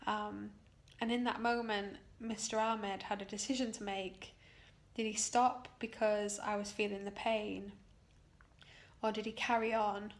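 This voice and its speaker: Weary, creaky-voiced British woman after surgery. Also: mid-range voice. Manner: halting, emotional, emphatic on key words. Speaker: patient recounting her own surgery. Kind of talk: personal video diary, recounting an experience.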